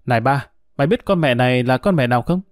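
A man's voice: medium pitch, fast, no room sound, studio quality, faint music behind, close to an everyday voice. A man doing a genial boss at the drinking table. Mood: amused. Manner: easygoing, amused, chatty. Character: jovial middle-aged man, local boss at a drinking table.

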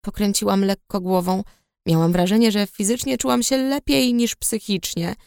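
A woman's voice: mid-range voice, steady tone, moderate pace, gravelly, a little mellow, dry recording, clean studio sound. Woman narrating a story in first person. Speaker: audiobook reader.

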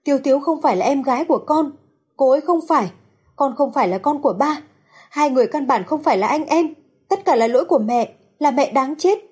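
A woman's voice: fairly high pitch, moderate pace, a little mellow, breathy edge. A woman voicing a grieving middle-aged mother who pleads tearfully with her dying son and her husband. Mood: desperate sobbing.

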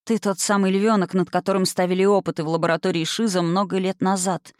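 A woman voicing a commanding witch who speaks in a quiet, even, imperious voice. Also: lowish voice, quick pace, dry recording, clean studio sound, lightly acted. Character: cold, commanding middle-aged witch.

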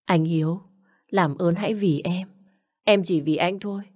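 A woman's voice: on the low side, a little slow, a little mellow. A woman reading a story, voicing a frightened young wife who pleads and apologizes to her husband. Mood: pleading.

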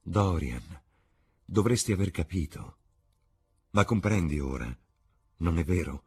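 A man's voice: low-pitched, lively intonation, a little slow, dark tone, husky, exaggerated voice. A man reading an audiobook, voicing a young actress who pours out her love in an exalted, pleading way. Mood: tender. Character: young actress woman, rapturous, lovestruck.

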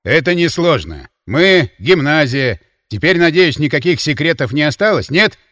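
A man reading the part of a stern male deputy commander who speaks briskly and with authority. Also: a little high, big pitch swings, fairly bright tone, dry recording, studio quality.

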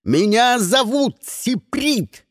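A man's voice: extremely high pitch, sing-song, extremely slow, no echo, studio quality, pitched above the performer's own voice, exaggerated voice. A man voicing a frantic, bullied teenage boy who screams with a cracking voice, in an audiobook.

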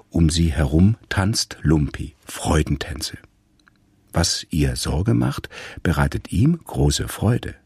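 A man reading a radio story aloud in a calm, measured storytelling manner. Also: low voice, creaky, breathy edge, no echo. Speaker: narrator.

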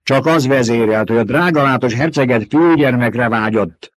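A stern old woman who scolds and mocks with cold authority, as a male reader puts her on. Her voice sits high and carries loudly, with a dry, close sound. It is an audiobook performance. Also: lively intonation, no room sound, natural voice. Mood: scornful. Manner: mocking and domineering. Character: stern scornful old woman, a reverend mother.

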